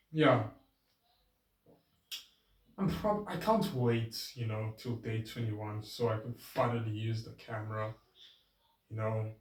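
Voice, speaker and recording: Male vlogger, mid pitch, loose reflective monologue, picked up by a distant camera in an echoey space. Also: a little mellow. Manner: rambling, earnest, voice shifting between registers. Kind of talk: casual self-reflective monologue. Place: outdoors with his bike. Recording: roomy, distant camera sound.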